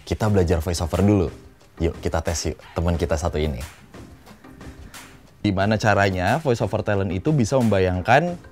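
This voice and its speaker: A man's voice: sits low, moderate pace, pauses often, a little mellow, faint music behind. A man who works as a voice over talent, chatting casually and playfully, showing off intonations and voices. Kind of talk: casual explanatory interview.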